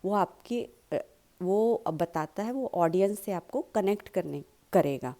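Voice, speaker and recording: A woman with an Indian accent, explaining in a tutorial lesson and slowly stressing sample lines. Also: mid-range voice, lively intonation, mellow. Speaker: public speaking teacher.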